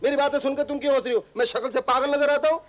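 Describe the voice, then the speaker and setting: An actor playing a harried husband in a sitcom, complaining and cracking punning jokes. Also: male voice, very high-pitched, fairly even intonation, racing. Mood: exasperated. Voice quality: wisecracking, punning patter. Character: harried comic husband hunting for a maid. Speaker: sitcom character. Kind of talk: sitcom acting. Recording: sitcom audio with hiss.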